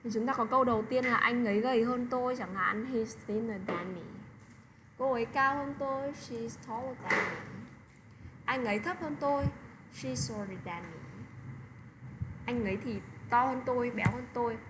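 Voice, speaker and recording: Teaching children English in an online lesson, a woman speaks at normal speed in a fairly high voice. She often adds small tag questions to check in. Background noise can be heard.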